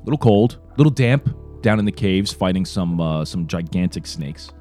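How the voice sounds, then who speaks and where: Brief: lowish male player-cohost, stuffy nasal cold, animated swearing rants. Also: moderate pace, faint music behind. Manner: animated ranting, frequent swearing. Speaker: player and podcast co-host. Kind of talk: casual podcast banter.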